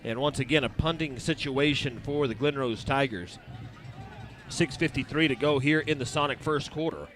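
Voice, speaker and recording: Calling a high school football game from an outdoor stadium, the man moves crisply from snap to snap while fitting in sponsor plugs. It has a fairly bright sound.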